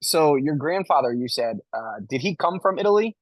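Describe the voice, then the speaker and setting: A man hosting a casual interview, asking relaxed questions and affirming answers with short backchannels. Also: a little high, normal speed, poor audio. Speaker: podcast host interviewer.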